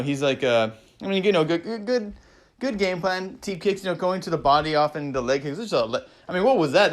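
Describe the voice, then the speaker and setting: A somewhat high-voiced man talks through a fight card in a loose, rambling recap. He gets excitable, swears freely and leans on "man" and "you know" as he goes. Now and then he acts out what the fighters must have been thinking. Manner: acts out fighters' thoughts in quoted asides. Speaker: MMA vlogger recapping fights.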